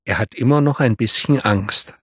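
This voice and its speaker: A man tells a language-course story in a clear, even narrator voice. His pitch is mid-range. It is recorded dry on a close studio mic. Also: moderate pace, no room sound.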